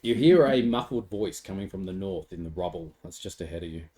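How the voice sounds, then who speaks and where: Man, game master, mellow and low, easygoing, laughs between descriptions. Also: expressive, a little fast. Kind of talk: narrating a tabletop game.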